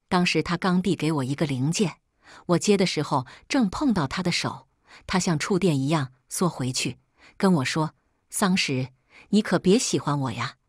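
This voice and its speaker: Husky, low-pitched female storyteller. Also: no room sound, studio quality. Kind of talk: scripted first-person story narration.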